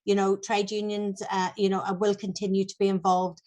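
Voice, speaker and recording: A woman, a union branch secretary, speaking up at an online event over a video call in a thoughtful, halting way. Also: mid-range voice, little pitch movement, darkish tone. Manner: thoughtful, peppered with "you know" and restarts. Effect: heard over a video call.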